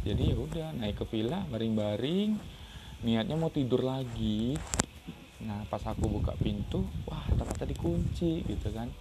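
A man's voice: mid-range voice, noisy background. A man from Riau chatting casually about his travels for his podcast, rambling with many fillers and restarts. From Riau, Indonesia. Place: second-floor balcony outdoors.

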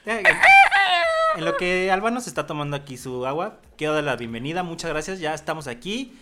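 A man's voice: fairly high pitch, lively intonation, a little fast, pushed and bright. A man with a Mexican accent co-hosting a music podcast, chatting and acting mock-offended at his partner's jokes. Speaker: podcast co-host. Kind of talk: casual chat.

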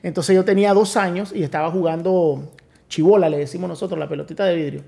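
High-voiced pastor telling a testimony. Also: male voice, fairly even intonation, quick pace, vocal fry, mellow. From Nicaragua. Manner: earnest storytelling, many restarts. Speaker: pastor, podcast guest. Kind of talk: testimony in casual conversation.

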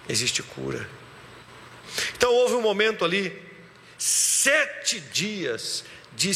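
A man preaching a sermon as a pastor, dropping to a hush and then rising loud again. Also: high voice, long reverb tail. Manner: preaching, swings from hushed to loud. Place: church.

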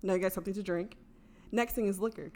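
A woman's voice: medium pitch, fast, darkish tone. A woman chatting casually on a podcast, explaining travel tips and laughing often. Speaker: podcast co-host.

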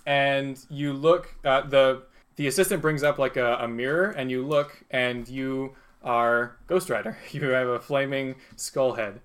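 A mid-pitched man runs a tabletop game as its game master. He improvises his narration informally, feeling his way through it with many halts and fillers. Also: fairly even intonation, unhurried, smooth.

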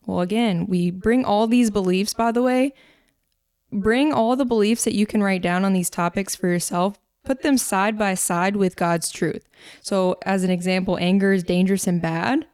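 A woman's voice: mid-range voice, a little mellow, clean tone, no echo. Chatty woman co-host, dry close sound. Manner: conversational, fillers and quick asides. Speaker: podcast co-host. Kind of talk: casual faith-based discussion.

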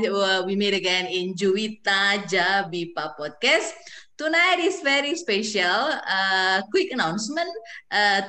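A woman's voice: medium pitch, sharp tone. A woman hosting a casual podcast interview over a video call, speaking with hesitant fillers and a teasing, laughing manner. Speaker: podcast host.

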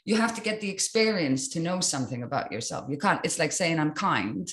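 A woman's voice: sits low, animated, fairly quick. A young woman, a fitness and yoga coach, talking reflectively as an interview guest. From Iceland. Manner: reflective, with many restarts and "like". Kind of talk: casual interview chat. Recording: roomy room echo.

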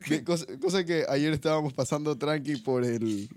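Young man telling animated stories. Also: on the high side, normal speed, no echo. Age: young adult. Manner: animated storytelling, laughs often. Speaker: podcast guest. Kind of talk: casual chat.

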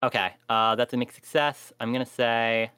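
A man's voice: medium pitch, flat delivery, normal speed, pushed and bright, clear, resonant tone, dry recording. A man narrating as game master, hesitant with many fillers.

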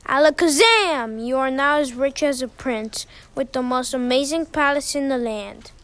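A woman's voice: high voice, normal speed, a bit bright, no room sound. A woman reading aloud and voicing a large, grudging male genie of the lamp in a storybook.

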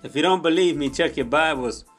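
A male preacher with a slightly raised pitch delivers a fervent sermon. He hammers points home by repeating phrases and now and then drops into hushed prayer in Spanish. Faint music plays behind him. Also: a little fast. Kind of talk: impassioned sermon.

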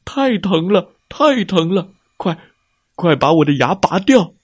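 A man's voice: sits high, sing-song, a little slow, breathy edge, dry recording, clean studio sound, voice pushed up, heavily acted. A man playing a greedy gullible tiger. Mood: whining in pain. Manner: whiny, complaining, naive.

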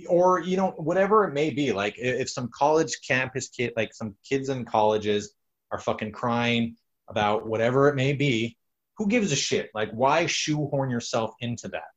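A man hosting a casual podcast chat, rambling and profane and leaning hard on filler words. His voice sits mid-range in pitch. The recording sounds a bit dull and lo-fi. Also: moderate pace. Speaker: podcast host.

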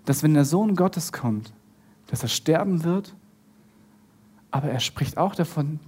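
A preacher retelling a Bible story in a lively sermon, acting out the characters and speaking straight to the listener. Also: mid-range voice, measured pace, husky. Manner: animated, acts out the characters and talks straight to the listener.

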